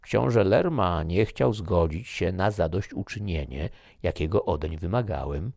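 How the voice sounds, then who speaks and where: Audiobook figure: man reading as a solemn soldier, low gravelly voice, slow and measured, dry studio. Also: darkish tone, dry recording, heavily acted. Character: grave, fatalistic male soldier.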